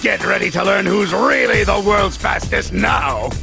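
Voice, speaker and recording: Bombastic gravelly mad-doctor villain. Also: male voice, unhurried, heavily acted. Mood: triumphant, taunting. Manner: booming, pompous, bellowed villain laughs and taunts. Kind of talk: theatrical video game cutscene acting. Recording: loud music under the voice.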